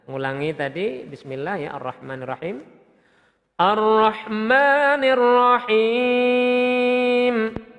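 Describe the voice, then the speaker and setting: A man teaching Quran recitation step by step, patiently repeating sounds and chanting verses in a slow, drawn-out melodic tone. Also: fairly high pitch, gravelly, a bit bright, in a large hall.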